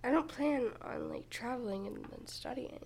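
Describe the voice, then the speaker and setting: A woman's voice: on the high side, moderate pace, gravelly, a little mellow. A teenage girl teasing her friend in a casual chat. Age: teens. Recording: faint background noise.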